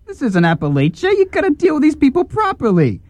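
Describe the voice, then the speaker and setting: Comedy audio sidekick: brash, slangy wisecracker, high and extremely animated played by a man. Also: a little fast, no room sound, full character voice. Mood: bossy. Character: bossy, wisecracking crime-fighting sidekick.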